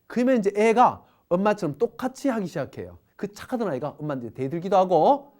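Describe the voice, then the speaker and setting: Animated woman parenting lecturer. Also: mid-range voice, brisk. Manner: animated, talks to audience with rhetorical questions. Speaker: parenting educator.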